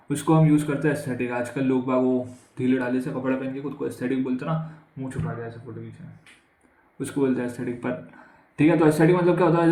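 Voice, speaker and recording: Recorded poorly in an echoey room, a man with a mellow, rather high voice and an Indian accent runs an exam vocabulary lesson. He chats with the class, repeats questions to them, and calls them "guys."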